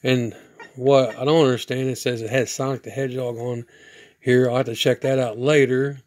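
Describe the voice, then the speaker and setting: Man, hoarse, casual product review, rambling, monotone, dry sound. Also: medium pitch, normal speed, dry recording. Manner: rambling, flat delivery with restarts. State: hoarse from sinuses.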